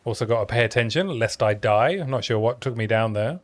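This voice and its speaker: This young game streamer has a mid-range voice and a brisk pace, yet sounds as soothing as someone reading a sleep story. Relaxed and chatty, he offers casual commentary while playing and answers his chat between plays.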